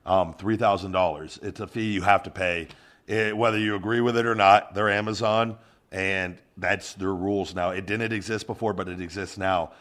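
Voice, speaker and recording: A man's voice: deep voice, fairly even intonation, normal speed, fairly bright tone. A man hosting a podcast, talking in a loose, rambling casual way. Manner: loose, rambling, drops into goofy put-on voices. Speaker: podcast host.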